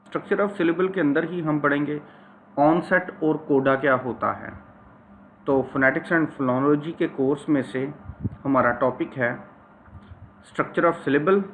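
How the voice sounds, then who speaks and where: A man teaching a phonetics lecture. He reads English passages slowly, then explains them at length. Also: on the high side, poor audio.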